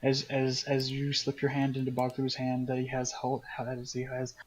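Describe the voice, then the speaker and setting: A man's voice: medium pitch, monotone, moderate pace. A man narrating a tabletop game as dungeon master, hesitant and often restarting his sentences.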